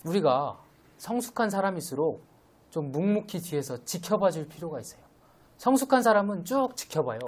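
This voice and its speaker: A young man giving a conversational midweek sermon, gently teasing and explaining scripture to his congregation. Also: sits high, big pitch swings, a little fast. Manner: conversational, gently teasing, acts out quoted voices. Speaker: preacher.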